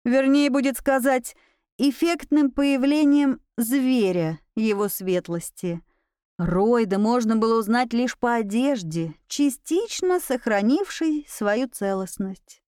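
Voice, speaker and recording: A woman reading a first-person story aloud with expressive storytelling. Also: on the high side, slow, smooth, no echo, studio quality. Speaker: audiobook narrator. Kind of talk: scripted first-person narration.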